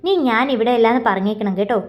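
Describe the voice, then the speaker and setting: A woman's voice: a little high, fairly even intonation, fast, dull audio, close to an everyday voice. A woman voicing Minnu, a bossy, jumpy young woman in a storybook, talking in a hurry.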